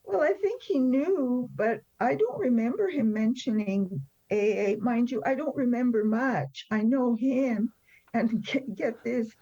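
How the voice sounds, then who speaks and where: A French-born woman in her seventies, appearing as an interview guest, shares personal stories conversationally, candid, wry and emphatic. Her voice is fairly high, warm and husky at a measured pace, captured on a dull, lo-fi recording.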